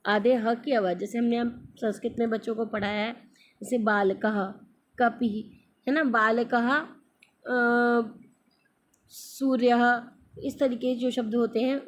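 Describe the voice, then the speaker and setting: Woman teacher going slow over her lesson for kids, fairly high voice, bit of faint hiss behind. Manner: patient teacherly tone, addresses students as "beta", asks and answers her own questions. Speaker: Hindi grammar teacher. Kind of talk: screen-recorded classroom lesson.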